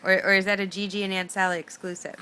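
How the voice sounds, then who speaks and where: A young woman talking to her baby at home in a gentle, teasing, sing-song way. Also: mid-range voice, level tone, quick pace, a little hiss or hum. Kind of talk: home video chat with a baby.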